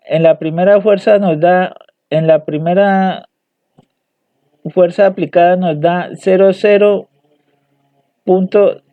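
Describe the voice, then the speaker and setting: Hesitant young male student, high voice, slow delivery, reading results over lo-fi dry audio. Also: no room sound. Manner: hesitant, halting, repeats words and restarts. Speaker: student presenting homework. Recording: dry tinny phone-like audio.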